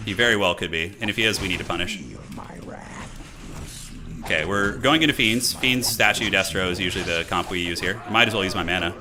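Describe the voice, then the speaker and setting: A man with a deep voice speaks a little fast over background noise. He streams his own match, commentating his moves live in a relaxed, slangy manner and swearing mildly.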